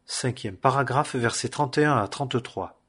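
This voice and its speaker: A man reads scripture aloud, measured and solemn, naming each paragraph and verse. His voice is husky and breathy. It sits at an ordinary male pitch. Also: a bit bright. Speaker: scripture reader.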